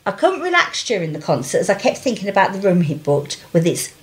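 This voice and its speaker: A woman with an East London accent, reading a story aloud with blunt, chatty asides in an animated way. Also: mid-range voice, brisk. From East London, England.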